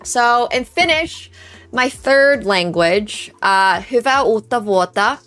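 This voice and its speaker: Chatting casually on her livestream, this young native Chinese speaker thanks her viewers and tries greetings in many different languages. Her slightly high voice is animated and a bit bright, her pace slow, and faint background music can be heard.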